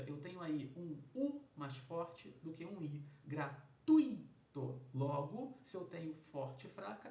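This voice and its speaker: A man teaching an exam review lesson, who slows down and stresses words loudly when breaking them into sounds. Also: gravelly. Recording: echoey room, mic at a distance, faint rumble.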